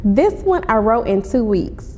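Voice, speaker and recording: A woman with a sing-song, mellow voice speaks a little slowly while giving polite, conversational interview answers, using ma'am with the interviewer. She is a playwright and actress promoting her stage play, heard in an echoey hall over clear rumbling noise.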